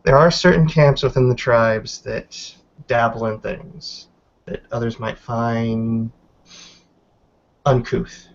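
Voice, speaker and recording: A man speaking slowly with vocal fry in a steady, mid-range voice voices a wary female werewolf who's new in a tabletop game. He chooses formal phrasing and hesitates carefully, sounding guarded and evasive, all on a dull lo-fi voice recording.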